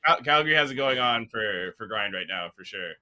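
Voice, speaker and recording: A man from Canada chats as a guest drummer, relaxed and modest, his sentences full of fillers. His voice sits low but comes out very forceful and tense. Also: brisk. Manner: laid-back, modest, lots of filler words. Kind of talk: casual interview chat.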